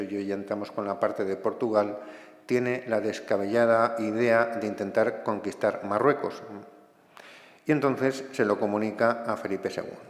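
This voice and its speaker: A man with a Spanish accent presenting his book in lecture style. He is impassioned and gets carried away, with many hesitations along the way. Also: on the low side. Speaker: book author. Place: large hall. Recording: echoey hall.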